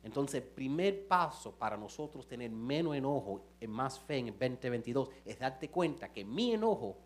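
A male pastor preaching a sermon through an interpreter, animated, with loud bursts and quiet stretches. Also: medium pitch, moderate pace.

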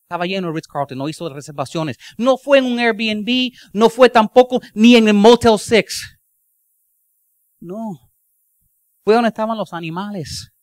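A man's voice: sits high, animated, unhurried, dry recording, clean studio sound. A male pastor preaching a sermon in a folksy, joking storytelling manner, asking rhetorical questions and slipping English words into his Spanish.

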